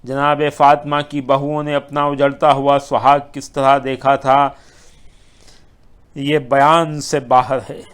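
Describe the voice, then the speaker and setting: A male Sufi preacher delivering a mourning-season sermon. He tells the story dramatically, in a rhythmic way, and his pitch stays steady. His voice is smooth and clear. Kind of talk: Muharram sermon narration.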